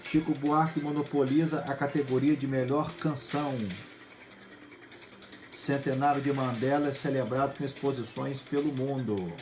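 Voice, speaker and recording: A man with a Brazilian accent, hosting a news program and reading a run of headlines in a brisk delivery with occasional slips. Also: mid-range voice, fairly even intonation, music in the background. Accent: Brazilian Portuguese. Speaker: news host.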